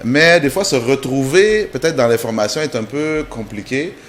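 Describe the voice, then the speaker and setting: A man from Canada, answering interview questions as a guest, explaining in a measured way with frequent restarts. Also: mid-range voice, a little hiss or hum. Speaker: guest, immigration trainer.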